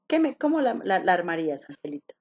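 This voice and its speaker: A woman's voice: lowish voice, big pitch swings, fast talker, a little mellow. A woman teaches an English class over a video call and explains each step patiently. She repeats the key points and keeps asking her students questions. The call audio sounds a little muffled.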